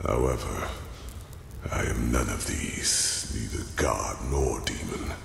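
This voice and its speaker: An actor playing an ancient, weary guardian entity in a fantasy game, gravelly and solemn, with archaic phrasing. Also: male voice, very deep voice, slow pace, background noise, heavily acted. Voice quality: gravelly, creaky. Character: ancient, weary male guardian entity, neither god nor demon. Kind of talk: dramatic fantasy game acting. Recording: echoing voice over music.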